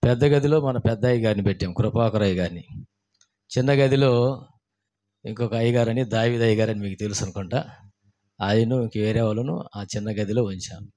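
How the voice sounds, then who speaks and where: Pastor preaching with questions. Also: male voice, on the low side, fairly quick, long pauses, warm tone. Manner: asks the congregation questions, acts out scared voices in stories. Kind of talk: sermon with storytelling.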